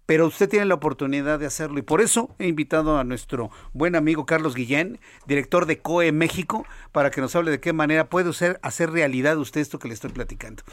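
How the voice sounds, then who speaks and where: A man hosting a radio talk show in a studio, chatty and quick to prompt his guests. His voice sits a little high for a man, and the sound is close and dry, with no room around it. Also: no room sound. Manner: chatty, leading questions with frequent "ujú" backchannel. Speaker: radio host. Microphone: studio microphone.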